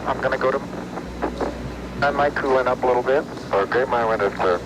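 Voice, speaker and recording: A man's voice comes through a breaking-up space radio transmission, crackling with a heavy wash of static. He speaks as an astronaut in short, clipped procedural phrases, flat and matter-of-fact. His pitch sits in an ordinary middle range. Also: brisk. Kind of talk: terse space-to-ground radio talk. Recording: hissy, crackling archival radio link.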